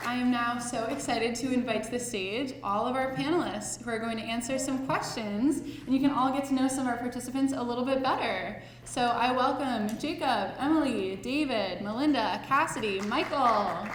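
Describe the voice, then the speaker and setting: Her voice a little high, a woman emceeing a live panel speaks at a moderate pace with hardly any pauses, staying upbeat and cheerful and laughing often. It's recorded in a large, echoey hall, with crowd and room noise from the audience.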